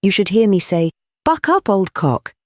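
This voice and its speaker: An audiobook reader voicing a male impostor professor who tells his tale in a wry, measured, droll way. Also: mid-range voice, warm tone, no echo, clean studio sound, natural voice. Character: male impostor professor, dryly comic, rueful. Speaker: first-person storyteller in the novel. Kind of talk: audiobook character reading.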